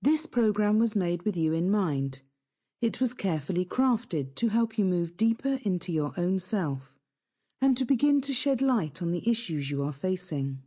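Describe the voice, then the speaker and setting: Mellow-voiced woman guiding hypnosis. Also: lowish voice, normal speed. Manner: calm, soothing, instructive. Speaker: hypnotherapist narrator. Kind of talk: scripted guided hypnosis narration.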